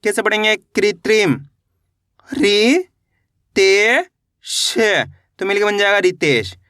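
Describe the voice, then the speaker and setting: A man's voice: high voice, expressive, normal speed, sharp tone, no room sound, studio quality. A man teaching beginners to read, sounding out each word syllable by syllable and then saying it whole, patient and repetitive. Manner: patient, repeats "how will you read it?". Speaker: Hindi reading teacher. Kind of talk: slow reading lesson for beginners.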